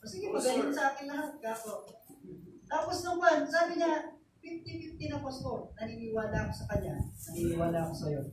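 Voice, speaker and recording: Filipino pastor preaching in an echoey hall. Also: male voice, very high-pitched, expressive, brisk. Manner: storytelling, mixing Tagalog and English, frequent "diba?". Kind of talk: sermon. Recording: echoey, distant church recording with noise.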